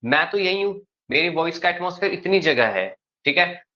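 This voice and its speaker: A man teaching a classroom lecture, speaking calmly and without hurry and checking in with his students often. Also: sits high, moderate pace, highs cut off.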